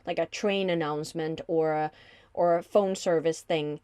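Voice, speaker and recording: A woman who works as a voice-over artist and coach, talking in a warm, reflective way in casual conversation. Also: low voice, fairly even intonation, moderate pace, clear, resonant tone, no echo. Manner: warm, reflective, laughs easily.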